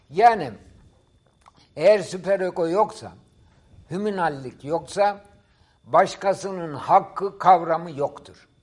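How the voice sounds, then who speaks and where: A man's voice: high-pitched, darkish tone. Emphatic lecturing professor, man. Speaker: professor as studio guest. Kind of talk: explanatory talk-show discussion.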